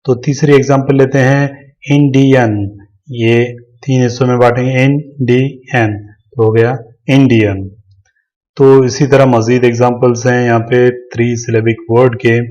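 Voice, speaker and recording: A man teaching English reading in a patient, explanatory voice-over, slowly breaking words into their syllables. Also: medium pitch, flat delivery, a little mellow, muffled recording.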